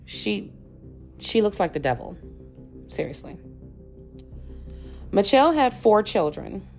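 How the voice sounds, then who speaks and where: Music plays under an American woman's voice of medium pitch. She is a podcast host narrating true crime like a storyteller. Her delivery is grave, with a blunt, personal edge. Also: very animated, slow pace, a little mellow. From Detroit, United States.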